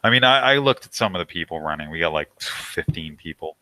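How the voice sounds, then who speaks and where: Very deep, bright-toned joking man. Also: expressive, brisk, no room sound, rough recording. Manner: rambling, joking, hesitant restarts. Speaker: podcast co-host. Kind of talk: casual chat.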